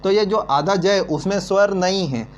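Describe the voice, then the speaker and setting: A man teaching an online lesson, talking slowly and answering his own questions as he goes. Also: sits high. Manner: slow, repeating, asks then answers himself. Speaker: Hindi teacher. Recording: dull lo-fi with mains hum.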